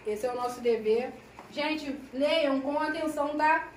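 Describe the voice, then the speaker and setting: A teacher explains a lesson in a high, light voice, stretching out key words and checking in often. She sits a little back from the mic, and the room gives her voice a noticeable echo. Faint background hum sits behind her. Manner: slow, drawn-out explanations with frequent "né?" and "ó". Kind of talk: recorded class lesson. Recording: echoey room, voice from a distance.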